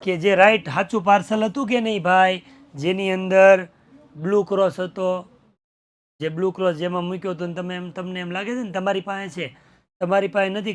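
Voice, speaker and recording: A young man teaching a class, explaining a story with dramatic retellings and switching between languages. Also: high-pitched.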